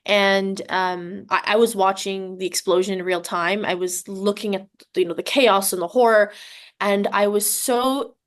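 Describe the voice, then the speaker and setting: A woman's voice: mid-range voice, fairly even intonation, unhurried. A woman, a tech company CEO, giving a conversational personal account on a webinar video call, with many ums and restarts. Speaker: tech CEO, panel guest.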